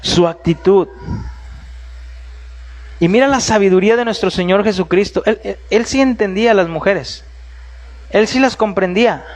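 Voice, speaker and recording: A man with a notably high voice preaching a sermon in a church. He tells the story in an animated way, speaking straight to his listeners and dropping humorous asides. The delivery stays lively and engaged throughout. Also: normal speed, long pauses.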